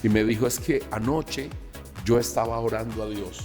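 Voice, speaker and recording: A man, a pastor from Colombia, recounting a personal testimony and acting out the dialogue in an animated way. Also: mid-range voice, moderate pace, in a large hall, soft background music.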